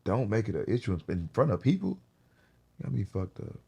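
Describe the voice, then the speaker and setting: A man's voice: fairly low pitch, sing-song, a little fast, gravelly, dark tone, husky. A young man hosting a podcast, telling a story in a casual, slangy way full of profanity. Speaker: podcast host.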